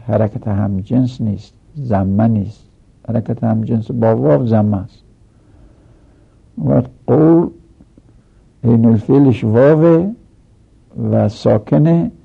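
Gravelly man teaching grammar methodically. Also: medium pitch. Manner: explains step by step with repeated examples. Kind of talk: textbook commentary lesson. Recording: dull lo-fi recording.

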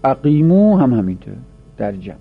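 A man teaching Arabic grammar in a classroom lecture, whose first language is Persian, drawing out the example words slowly. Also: mid-range voice, big pitch swings, breathy edge. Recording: dull lo-fi recording with mains hum.

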